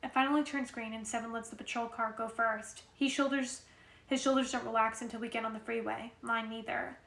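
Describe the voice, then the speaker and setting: A woman's voice: on the high side, fairly even intonation, brisk, creaky, a bit bright. A woman reading a novel aloud in a casual way, with occasional restarts. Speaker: reader. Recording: roomy echo.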